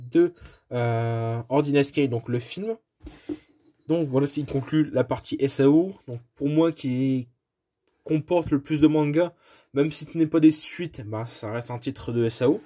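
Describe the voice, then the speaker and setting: A man's voice: a little high, warm tone. Hesitant man filming a phone walkthrough. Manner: hesitant, many fillers and restarts; self-deprecating, apologetic asides. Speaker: vlogger showing his manga collection. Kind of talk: casual home video tour. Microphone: phone held at arm's length.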